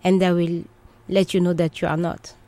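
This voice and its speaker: Her voice sits on the low side and sounds mellow, with a flat delivery at normal speed. As a guest in an interview, this woman from the Democratic Republic of Congo recounts her personal life story conversationally, using short, halting English phrases marked by a Congolese French accent.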